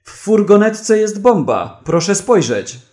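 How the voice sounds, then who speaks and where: Wega, a man doing a brash shouting prisoner. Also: fairly high pitch, a little slow. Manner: loud, excited accusations.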